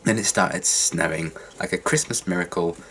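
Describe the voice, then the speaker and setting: A young man chatting casually to viewers as a reaction vlogger, husky and congested with a cold and sore throat, sounding worn out and hungover. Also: low voice, normal speed, a bit bright, a little hiss or hum, poor audio. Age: young adult.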